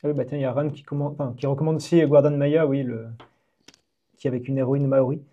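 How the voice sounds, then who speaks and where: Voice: medium pitch, level tone, dull audio. A host interviewing a guest on a live stream and reading out chat messages. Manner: rapid, reads out chat messages.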